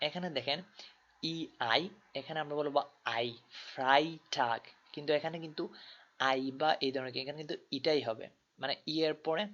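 A man whose first language is Bengali, teaching German pronunciation in a tutorial and slowly drawing out each example word. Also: medium pitch, fairly bright tone. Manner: slow, drawn-out spelling of example words. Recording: dull lo-fi recording.

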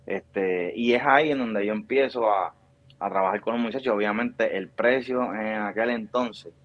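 Guest: Puerto Rican man in his 30s, low-pitched, dry muffled video-call sound. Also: normal speed, dry recording. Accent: Puerto Rican Spanish. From Puerto Rico. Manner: explains at length, acts out quoted barbers. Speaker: barbershop founder, guest. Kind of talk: interview over video call. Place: small room with a bare grey wall. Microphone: video call mic.

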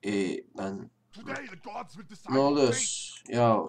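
A man's voice: medium pitch, drawn-out words, crowd noise. A man hosting a casual let's-play, chatting to viewers at a desk mic and trading mock-tough banter, with a blocked nose. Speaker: gaming channel host. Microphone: desk microphone. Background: faint game music and keyboard clicks.

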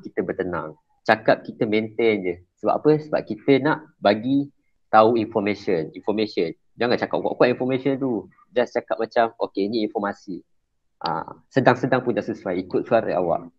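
A man's voice: on the low side, expressive, fairly quick. A man giving an informal workshop lecture to school prefects, chatty and often checking whether his listeners understand. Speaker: emcee trainer for school prefects. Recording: slightly dull lo-fi recording.

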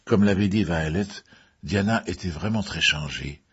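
A man narrating a mystery story in a measured way, with the odd filler. His voice is low and husky. The recording is dull and muffled. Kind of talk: audiobook reading.

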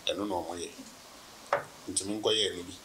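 Seated on a sofa in an indoor room, a Ghanaian businessman in his thirties shares his story in a relaxed interview, laughing and offering anecdotes. His voice is low and moderately paced, with some background noise.

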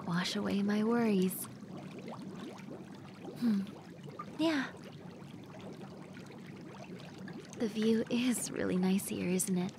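In an audio roleplay, a woman plays a friendly young woman unwinding with her crush, speaking slowly at a medium pitch in an intimate, gently teasing way. She sounds friendly and relaxed. The bubbling of hot tub water runs steadily and clearly behind her voice.

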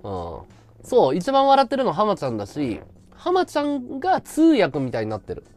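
Chatty man with a lively voice. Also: high voice, normal speed. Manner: chatty, reacts to viewer gifts. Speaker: livestream host. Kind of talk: casual livestream chat.

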